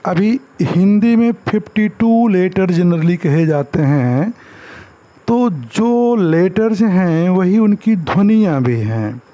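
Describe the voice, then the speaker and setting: A man teaching basic English grammar in Hindi. He mixes in English phrases and repeats words slowly for emphasis. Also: sits high, dark tone, a little hiss or hum, poor audio. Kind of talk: classroom lecture.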